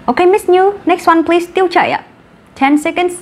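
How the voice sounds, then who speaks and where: A woman with a Vietnamese accent teaching English vocabulary in an online class, brisk and encouraging, mixing Vietnamese and English. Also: very high-pitched, darkish tone, slight background noise.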